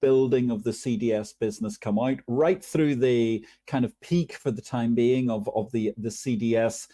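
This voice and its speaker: Chatty male interview host, mellow tone. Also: medium pitch, normal speed. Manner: chatty, addresses viewers directly. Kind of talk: livestream interview.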